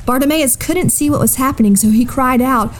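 A woman in her thirties hosts a children's podcast, telling a Bible story in a gentle way and talking straight to the young listeners. Her voice sits high and her pace is brisk.

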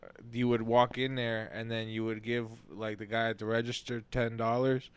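A man's voice: mid-range voice, level tone, moderate pace, smooth, no echo. Young American man with frat bro slang. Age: young adult. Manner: laid-back frat bro, slangy and profane. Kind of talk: casual group banter.

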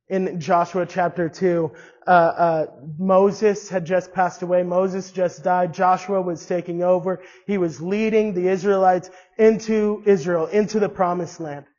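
A man's voice: high voice, a little mellow, big-room sound, dull audio. A young man preaching an earnest sermon to his church, asking the listeners one question after another. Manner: earnest, asks many rhetorical questions. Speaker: pastor. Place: church hall.

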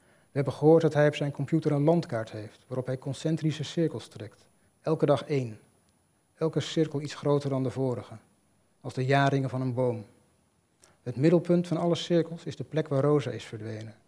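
A man calmly reading a literary short story aloud in a measured, storytelling way. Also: mid-range voice. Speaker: reader. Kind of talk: scripted narration of a short story.

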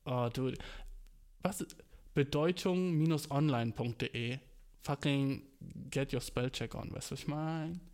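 A young man in casual chat, talking in a loose, slangy way and swearing freely as he rants. He drops English words into his German and mocks what he reads out with animated disbelief. His voice sits at an ordinary middle pitch for a man. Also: a little slow. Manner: ranting, animated, mocking.

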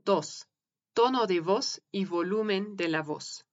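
A woman giving a slow, gentle, measured reading of a written piece. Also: medium pitch, lo-fi sound. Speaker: reader of translated articles. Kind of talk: calm scripted reading.

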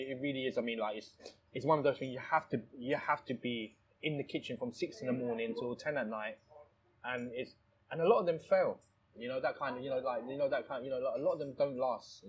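A man's voice: medium pitch, fast talker, slight background noise, poor audio. A man from Thailand who owns a restaurant, talking in a casual interview with many restarts and "you know"s. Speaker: restaurant owner. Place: his restaurant, indoors.

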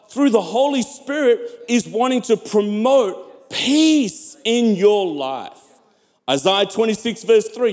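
A man's voice: high-pitched, a little mellow. A man from South Africa preaching a sermon as pastor, emphatic, repeating and stretching key words and urging his listeners on. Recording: long hall reverb.

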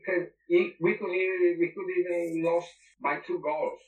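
A man's voice: high-pitched, steady tone, measured pace, far from the mic. A non-native English-speaking man, a former goalkeeper, looks back on his playing days in an interview. He is emphatic and repeats key phrases. His voice sits back from the mic in a roomy space, with a slightly dull tone. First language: not English. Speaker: former football goalkeeper, guest. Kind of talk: reminiscing interview.

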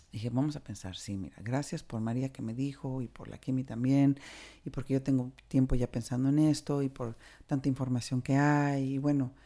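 Chatty Mexican woman, dark voice. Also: deep voice. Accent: Mexican Spanish. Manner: chatty and candid, slangy, acts out dialogue with shifting voices. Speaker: storyteller sharing a personal recovery story. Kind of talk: casual spoken storytelling.

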